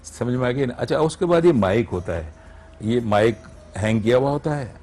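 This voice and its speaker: Male guest with a middle-pitched voice, a veteran radio voice artist who explains patiently and keeps checking that he is followed. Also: expressive, moderate pace, darkish tone. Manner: teacherly, explains step by step and checks understanding. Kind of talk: TV morning show interview. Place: TV studio.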